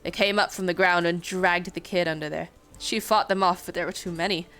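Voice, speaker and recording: A gruff dwarf with a rough brogue, put on by a woman reading a story aloud. He speaks low and grimly, a grieving adventurer with faint music underneath. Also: fairly even intonation, brisk, a bit bright.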